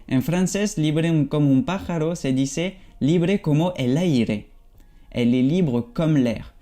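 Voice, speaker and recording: A man, teaching a language lesson and slowly repeating example phrases for learners. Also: on the high side, dark tone. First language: French. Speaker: French teacher.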